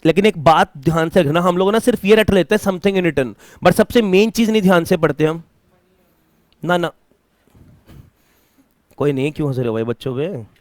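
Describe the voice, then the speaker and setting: A man's voice: a little high, animated, normal speed, long pauses, no room sound, clean studio sound. A man teaching a classroom lecture, asking students questions and mixing English terms into his talk. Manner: mixes Hindi with English terms.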